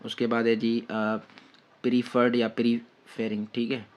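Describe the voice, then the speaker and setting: A man's voice: medium pitch, monotone, darkish tone. A man with a Pakistani Urdu accent giving a spelling lesson, dictating words letter by letter and repeating "theek hai" often. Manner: slow, repetitive dictation with frequent "theek hai" fillers. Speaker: test-prep teacher.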